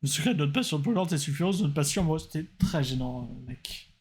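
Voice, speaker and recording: A man's voice: on the high side, animated, fast, darkish tone, a little hiss or hum, lightly acted. A man voicing a goofy, hapless young man who whines, stammers and gets defensive. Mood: flustered.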